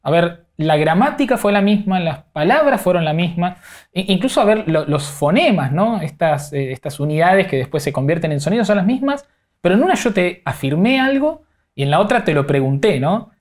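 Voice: medium pitch, sing-song, a little fast. Rioplatense host thinking aloud. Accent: Rioplatense Spanish. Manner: thinks aloud, rephrases guest's points with many fillers. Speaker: interview host. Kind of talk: conversational interview.

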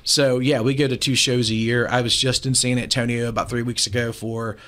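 A man in his forties, an appliance store owner, talking briskly and confidently as a guest on a radio show over a video call. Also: mid-range voice, little pitch movement, fairly bright tone. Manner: brisk, confident business talk. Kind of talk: casual radio talk interview. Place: small room, indoors, remote video call. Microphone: studio mic with headphones.

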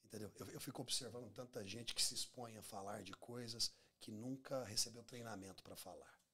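This pastor from Minas Gerais, a Brazilian man in his forties appearing as a podcast guest, has a low-ish voice that is pushed, bright and slightly rough, delivered briskly. His style is emphatic conversational preaching, full of repeated phrases and acted-out exchanges. He's captured in a small podcast studio through a close, table-stand studio microphone.

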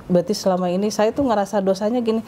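A woman guest in a casual interview, telling her life story in a lively way and acting out what others said. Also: medium pitch, very fast, slight background noise.

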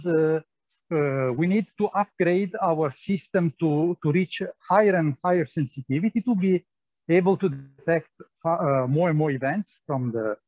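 A physics lab tour guide leads a group through a large indoor lab, explaining as he walks, full of fillers and repeated words. His voice is fairly high with a darkish tone, and the audio sounds dull.

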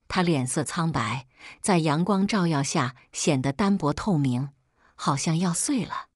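Woman narrator, audio novel, lowish voice, dry close mic. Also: no room sound. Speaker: story narrator. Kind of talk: first-person audio novel reading.

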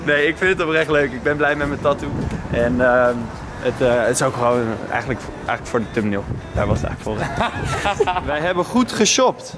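A man's voice: mid-range voice, animated, normal speed, noisy background. A man in his twenties chatting casually as a vlogger into a handheld camera. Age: 20s. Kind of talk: casual vlog chat. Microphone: handheld camera at arm's length.

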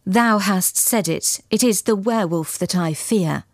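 A woman's voice: medium pitch, a little slow, no echo, clean studio sound. A woman voicing a troubled young man who earnestly begs his beloved in archaic speech. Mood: fearful. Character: young man, troubled lover, fearful and pleading.

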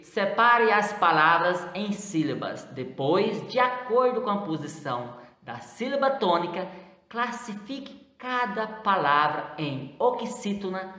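A woman from Brazil teaching a primary school class in a recorded video lesson, explaining step by step and stretching out example words slowly, often saying them twice. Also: mid-range voice, a bit bright. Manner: explains step by step, checks in with "né?" and "então". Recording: echoey room.

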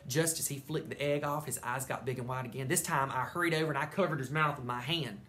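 A teacher reading a children's chapter book aloud at an elementary school, expressive and animated. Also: mid-range voice, fast talker, a little hiss or hum.

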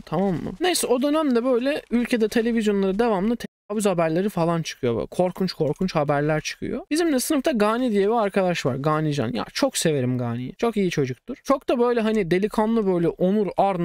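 Man, streamer, casual storytelling, slangy, high voice, dry close mic. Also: no echo. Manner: animated, slangy, swings between loud and muttered asides. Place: at home, cat at his feet.

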